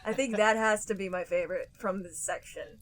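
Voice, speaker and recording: A young adult woman with a medium-pitched voice co-hosts a casual podcast, chatting loosely at a brisk pace while a crowd is heard in the background. She laughs often and fills her speech with "like" and other filler words.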